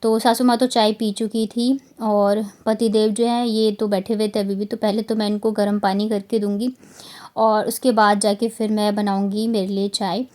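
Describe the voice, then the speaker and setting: Narrating her home vlog casually, a Bihari woman in her thirties from India chats and rambles, dropping in many fillers. She speaks at a moderate pace in a medium-pitched, level voice with a darkish tone.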